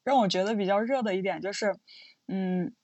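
Laughing woman telling lively stories. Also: mid-range voice, fairly quick, dry recording, dull audio. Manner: lively storytelling, laughs easily. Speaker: podcast guest. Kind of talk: casual panel discussion.

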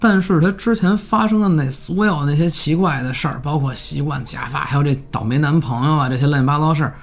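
A man telling a horror story in casual chat, animated and swearing freely. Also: quick pace. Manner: animated, jumps pitch for drama, swears casually.

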